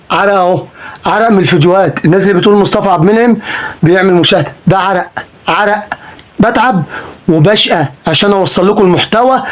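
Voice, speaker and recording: A man's voice: high voice, a little hiss or hum. A man with an Egyptian Arabic accent selling secondhand goods in a vlog. He is pushy and repetitive, and he sounds exasperated as he haggles. He records himself on a phone camera indoors. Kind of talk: sales pitch vlog.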